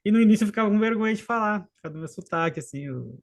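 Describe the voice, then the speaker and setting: Animated and high-pitched, a late-thirties podcast guest and co-host from Rio Grande do Sul tells a personal story with a faint gaúcho accent. The casual telling is unhurried yet halting, marked by many restarts and trailing side remarks.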